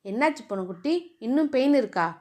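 A woman voicing a gruff but caring young husband in a storybook reading, speaking in clipped, lowered commands. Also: expressive, fast talker. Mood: tender.

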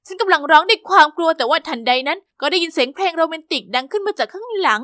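A woman giving lively, expressive first-person scripted narration for an animated story. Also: very high-pitched, very fast, no room sound, studio quality.

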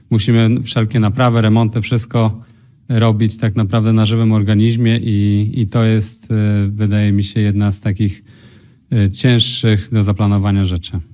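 A man, a company president, reporting to a council at a pulpit microphone in a measured way, with frequent hesitations. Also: fairly low pitch, dark tone. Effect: speaking at a pulpit microphone. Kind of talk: formal report to a city council. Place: council chamber.

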